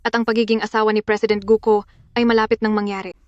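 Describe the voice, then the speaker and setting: A woman's voice: medium pitch, level tone, quick pace, darkish tone, no room sound, dull audio, natural voice. A woman dubbing a spiteful, jealous young rival who taunts and mocks. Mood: taunting. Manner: taunting, mocking. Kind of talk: Filipino dub of a drama.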